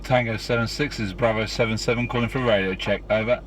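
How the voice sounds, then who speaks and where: Vehicle and ambient sounds come through clearly as a fast-talking man with a fairly low, steady voice tries out two-way radios for his vlog, mixing casual asides with radio check calls.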